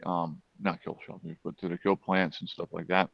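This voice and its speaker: A man in a casual chat who tells stories haltingly, with many pauses and restarts. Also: low-pitched, flat delivery, gravelly, dry recording, highs cut off.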